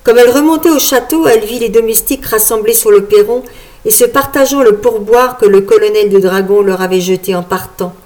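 A woman narrating a storybook in a measured, even storytelling manner. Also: fairly high pitch. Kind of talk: storybook reading.

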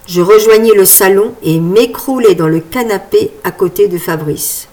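A woman narrates a first-person novel as an audiobook, with lively, wry storytelling. Her voice sits at an ordinary middle pitch. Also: moderate pace.

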